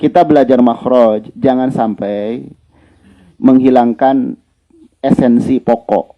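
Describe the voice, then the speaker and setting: A man's voice: medium pitch, slow. A male Quran recitation teacher gives a religious lesson in a conversational way, repeating his key points. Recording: dull lo-fi lecture recording.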